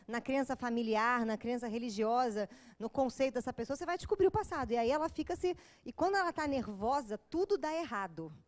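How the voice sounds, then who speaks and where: Woman, Brazilian Portuguese accent, lecturer, casual and humorous, high-pitched. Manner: joking, chatty, with acted asides. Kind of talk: informal lecture to a live audience.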